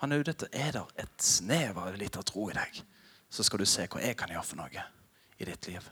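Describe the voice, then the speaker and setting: A middle-aged male pastor delivers a sermon with a bright, ringing tone. His delivery is animated, his pitch swinging widely as he moves from emphatic reading to hushed, close encouragement. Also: husky. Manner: lively, animated preaching, drops to soft intimate tones.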